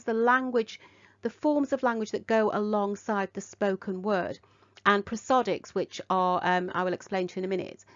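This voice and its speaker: A woman's voice: mid-range voice, dry recording. A woman with an English accent, teaching sixth-form English in a recorded induction lecture, asking lots of questions. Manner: poses many rhetorical questions. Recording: dull, dry lo-fi audio.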